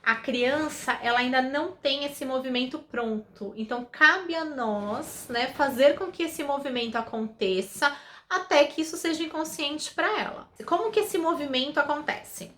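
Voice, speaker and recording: A woman's voice: high-pitched, normal speed, a bit bright, a little hiss or hum. A young woman speaking patiently to parents about reading with children, often asking questions and then answering them herself. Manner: patient, asks rhetorical questions. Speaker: reading educator. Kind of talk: explanatory talk to parents.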